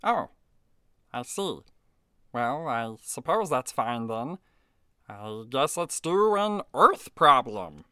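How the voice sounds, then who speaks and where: A woman's voice: rumbling low, big pitch swings, slow pace, long pauses, bright, forceful tone, no echo, studio quality, exaggerated voice. A woman voicing a pompous, easily offended male alien prince who speaks formally. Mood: sulky. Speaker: guest on an advice show.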